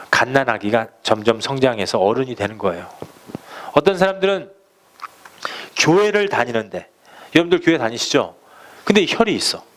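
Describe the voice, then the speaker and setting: A male pastor with a medium-pitched, fairly bright voice preaches a sermon. He asks his congregation rhetorical questions and acts out quoted speech.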